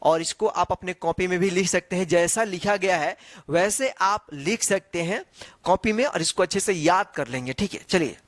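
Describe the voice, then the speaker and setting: A man's voice: sits high, no room sound. A man teaching the Hindi alphabet in an online lesson, reciting letters one by one and checking in often with the viewer. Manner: slow, drawn-out recitation with frequent check-ins; quizzing the viewer with repeated questions.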